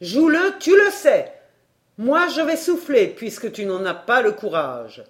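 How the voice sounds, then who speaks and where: A woman voicing a drunken old male music master who shouts commands in wild exaltation. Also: on the high side, animated, normal speed, close to an everyday voice. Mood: shouting.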